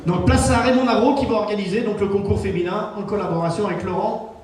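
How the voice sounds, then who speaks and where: A man acting as master of ceremonies, talking in a playful, self-mocking, halting way. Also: high voice, steady tone, background noise. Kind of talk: event speech. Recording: echoey hall from far off.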